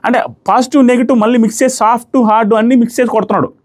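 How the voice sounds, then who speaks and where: A man's voice: very high-pitched, steady tone, very fast, darkish tone. A man reviewing a reality show in casual, analytical commentary, dropping English phrases into his talk.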